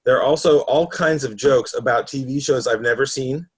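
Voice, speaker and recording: A man's voice: mid-range voice, normal speed, breathy edge. A man chatting on a podcast, candid and dry as he explains why a classic comedy leaves him cold. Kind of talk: casual film discussion.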